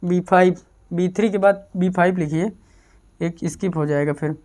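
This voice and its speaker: A man's voice: high-pitched, fairly even intonation, moderate pace, darkish tone. A man giving a casual exam-prep chemistry lecture, repeating terms and asking and answering his own questions. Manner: repetitive drilling, asks and answers own questions. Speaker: chemistry teacher.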